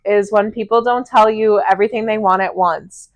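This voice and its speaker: A blunt woman in casual podcast talk who swears freely and leans on filler words. Her pitch is in a middle range. The recording is dry and close, with no room sound. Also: fairly even intonation, moderate pace, dry recording. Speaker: podcast co-host. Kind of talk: casual chat.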